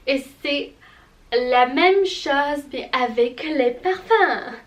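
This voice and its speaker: A woman talking softly, as if right in your ear, in a casual ASMR vlog. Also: sits high, extremely slow, distant mic. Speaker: YouTuber presenting perfumes on her channel. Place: bedroom.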